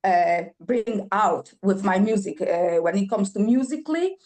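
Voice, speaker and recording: Speaking in a mid-range voice that is expressive and a touch mellow, a Polish singer-songwriter is interviewed on a podcast. Her first language is Polish, and her excited delivery is broken up by many fillers, repetitions and restarts.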